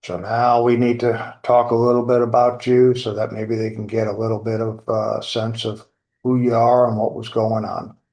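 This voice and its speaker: Male lawyer with informal, halting phrasing. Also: lowish voice, level tone, creaky, darkish tone. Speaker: lawyer questioning witnesses. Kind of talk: courtroom questioning. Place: indoor courtroom.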